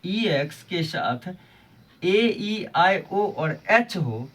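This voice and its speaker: A man's voice: sits high, expressive, extremely slow, a bit bright, distant mic. Patient man teaching, a bit off-mic. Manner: patient, repeats each example and asks rhetorical questions. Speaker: English pronunciation teacher. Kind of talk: explaining a lesson on his channel.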